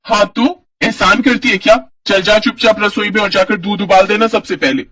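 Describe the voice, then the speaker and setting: Scolding bossy sister-in-law, a man acting her, husky high voice, distant mic. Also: normal speed. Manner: scolding, yelling. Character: harsh bossy elder sister-in-law, shrill.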